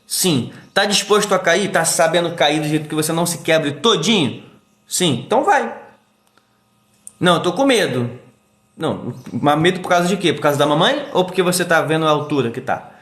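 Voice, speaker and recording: Middle-aged Brazilian male therapist, live-stream host; slightly high voice, animated delivery, roomy echo. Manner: animated, acts out quick quoted voices. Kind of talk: casual live-stream talk. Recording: echoey room.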